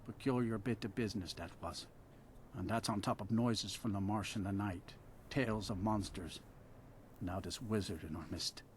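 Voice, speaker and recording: A lightly acted, lowish male voice at a moderate pace plays a fantasy-game townsman, suspicious and sick of his ruler. The grumbling is bitter and worried, dramatic game dialogue with a slight hiss of background noise.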